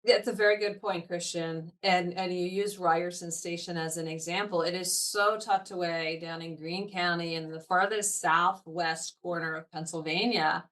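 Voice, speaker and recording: A woman's voice: lowish voice, fairly even intonation, normal speed, hardly any pauses, a bit bright. A woman chatting about outdoor trips in a digressive, conversational way. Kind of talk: casual conversation. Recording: voice slightly distant from mic.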